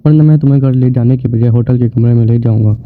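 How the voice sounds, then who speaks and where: A domineering young husband makes angry demands, read by a male narrator. The tone is even, with little rise and fall. The audio is narrow and tinny, like a phone line. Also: medium pitch, no echo, close to an everyday voice. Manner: threatening, demanding. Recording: tinny phone-like, dry sound.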